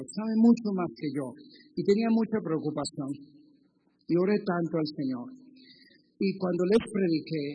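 A man's voice: fairly high pitch, mellow, a little hiss or hum, rough recording. A man preaching a sermon as pastor, firing rhetorical questions at his congregation. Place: church.

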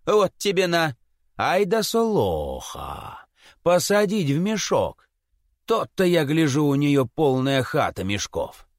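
A man's voice: on the high side, wildly swooping pitch, slow pace, dry recording, clean studio sound, voice pushed up, exaggerated voice. A man doing a blustering old-world Cossack villager. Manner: exclaiming, grumbling. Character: blunt, suspicious middle-aged Cossack villager.

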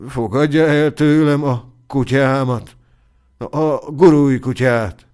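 A man's voice: mid-range voice, steady tone, a little mellow, clear, resonant tone, pitched above the performer's own voice, lightly acted. A man voicing a poor, humble blind old beggar who pleads in a trembling voice.

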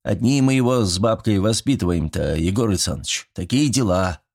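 A man's voice: on the low side, expressive, a little fast, creaky, darkish tone. A man voicing a fussy, good-natured old village grandfather who talks in folksy rural speech, sighing and fretting. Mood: fretful. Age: older.

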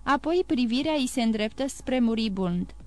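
Brief: female audiobook narrator, measured expressive reading, higher voice, dry close mic. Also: no room sound. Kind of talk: scripted narration of a classic novel.

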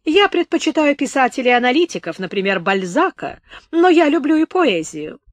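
A woman's voice: sits high, very animated, moderate pace, no echo, clean studio sound, pitched above the performer's own voice. A woman voicing a voluble, theatrical male officer who declaims with pathos in an audiobook. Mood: chatty. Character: voluble, bombastic middle-aged male officer.

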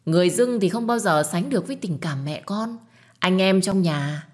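A woman voicing a scornful older mother-in-law who shrieks insults and wails loudly. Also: mid-range voice, big pitch swings, moderate pace, pitched above the performer's own voice, natural voice. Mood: mocking. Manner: shrieking, abusive, wailing to the heavens.

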